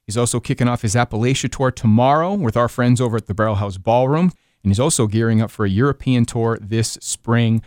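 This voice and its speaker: A man's voice: mid-range voice, fairly quick, a little mellow, no room sound. A man hosting a radio interview in the studio, introducing and questioning his guest with an upbeat, eager manner. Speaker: radio host.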